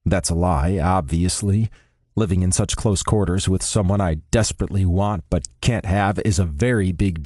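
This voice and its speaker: Dry, low-voiced male audiobook narrator. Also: mellow, dry recording. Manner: dry, wry. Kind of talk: first-person romance audiobook narration.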